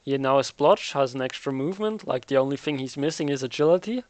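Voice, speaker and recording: A man's voice: medium pitch, expressive, fast, darkish tone, no echo. A man hosting a casual game recap, chatty and joking as he thinks aloud. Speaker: recap host.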